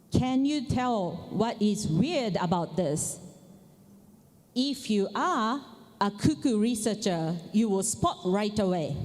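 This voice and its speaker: Slow-spoken woman in a reverberant hall. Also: medium pitch, darkish tone. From Japan. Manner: slow and deliberate, asks the audience questions. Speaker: keynote speaker. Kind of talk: conference opening talk. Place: large conference hall.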